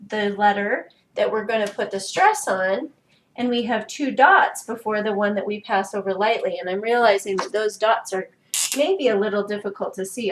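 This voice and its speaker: A woman's voice: mid-range voice, echoey room, distant mic, slight background noise. A woman teaching a children's music lesson, explaining patiently step by step.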